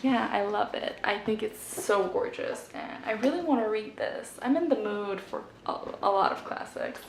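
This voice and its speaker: A woman's voice: medium pitch, normal speed, vocal fry. Chatty woman with many fillers, echoey room. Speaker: book vlogger. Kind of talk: casual book haul chat. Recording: echoey room, faint background noise.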